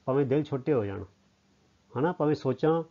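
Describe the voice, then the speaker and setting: Punjabi-accented guy teaching kids a lesson, asks them stuff, middle pitch, kinda muffled audio. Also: expressive, fairly quick. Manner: explains word by word, asks pupils questions. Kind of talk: lesson explanation for children. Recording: slightly dull lo-fi audio.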